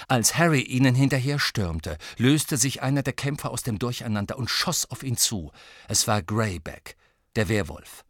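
A male audiobook narrator with a lively, swooping voice reads a gripping story with dramatic tension. His delivery is close and dry, with no room sound around it. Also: no echo. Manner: tense, dramatic reading that speeds up and drops low with the action.

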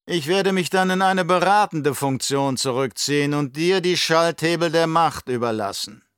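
A man's voice: on the high side, fairly bright tone, smooth, no echo, clean studio sound, voice pushed up, natural voice. A man putting on a sly, menacing old baron. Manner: slow, drawn-out, mocking delivery. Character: scheming old male baron, menacing and condescending. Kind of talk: audiobook character voice.

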